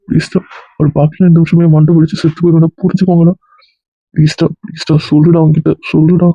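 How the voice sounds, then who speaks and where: A man's voice: fairly high pitch, dry recording. A man playing a distraught middle-aged father who desperately begs to see his injured daughter. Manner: desperate rapid pleading. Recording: husky voice on phone-like dry recording.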